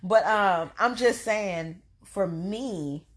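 A young adult woman co-hosting a casual podcast chat, talking in an animated, emphatic way. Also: medium pitch, drawn-out words. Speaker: podcast co-host.

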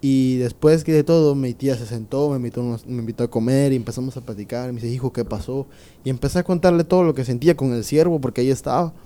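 A young man giving an earnest, casual conversion testimony, going softer and slower at emotional moments. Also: mid-range voice, fairly even intonation. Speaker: interviewee sharing a conversion testimony.

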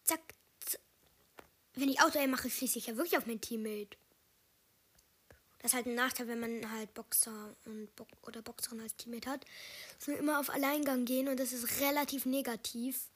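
A woman giving live gameplay commentary, excitable and loud in bursts, slipping in English gamer slang and dropping to quiet asides. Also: on the high side, normal speed, long pauses, breathy edge. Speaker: gaming video host.

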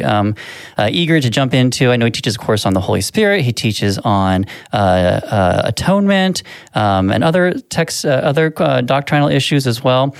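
A man's voice: medium pitch, no echo. A man from Southern California co-hosting a podcast in casual chat, playful and joking, with lots of fillers. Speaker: podcast co-host.

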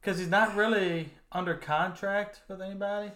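A man co-hosting a casual podcast chat, easygoing and quick to agree. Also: sits high, steady tone, sharp tone, reverberant, slight background noise. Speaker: podcast co-host.

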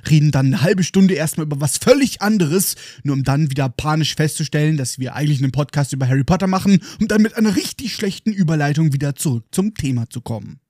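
A man's voice: fairly high pitch, animated, quick pace, hardly any pauses, a little mellow, no echo, studio quality. A man with a German accent hosting a podcast, retelling a book chapter with ironic, playful commentary. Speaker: podcast host.

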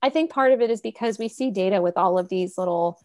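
A woman co-hosting a casual movie podcast, rambling with halting restarts and bursts of excitement. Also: mid-range voice. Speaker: podcast co-host. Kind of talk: casual chat about a movie.

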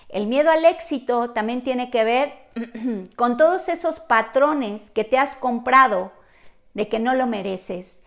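A woman giving a motivational, spiritual monologue in a preachy tone, with rhetorical questions and emphatic repetition. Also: fairly high pitch. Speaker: spiritual speaker.

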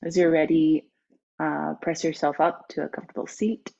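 A woman teaching yoga, giving slow, soothing instructions for the final rest and closing. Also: deep voice, little pitch movement, vocal fry. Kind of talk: guided yoga cool-down. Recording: dull lo-fi with faint music. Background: soft background music.

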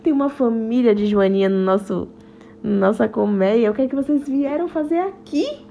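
A clever little boy bee, as a woman storyteller puts him on, quick to doubt and to crow when he is right. His lines swing high and low with a gravelly grain. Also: animated, warm tone, highs cut off, a little hiss or hum. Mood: triumphant. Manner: questioning, teasing, triumphant. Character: clever, suspicious young male bee.

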